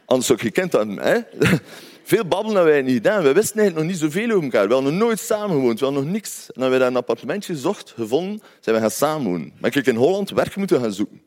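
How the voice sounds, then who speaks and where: A man's voice: a little high, very animated, very fast, a little mellow. A man with a Flemish accent, from Belgium, telling a personal story in a chatty way, often tagging on little questions. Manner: conversational, often adds tag questions.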